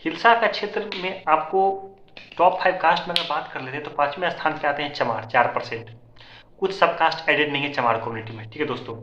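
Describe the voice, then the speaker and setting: A man rattles through numbers at a very fast clip, his voice bright and forceful. The sound is echoey and a little dull, like a roomy, lo-fi home recording. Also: on the high side, a little hiss or hum. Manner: rapid, repetitive, keeps addressing viewers as friends. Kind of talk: informal explainer talk to viewers. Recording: echoey, slightly dull lo-fi audio.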